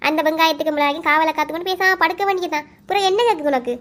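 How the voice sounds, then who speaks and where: A woman's voice: extremely high pitch, fairly even intonation, very fast, fairly bright tone. A woman with a Sri Lankan Tamil accent voicing a harsh, scornful mother who scolds and mocks in a cartoon. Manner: scolding, sarcastic. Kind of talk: cartoon voice acting.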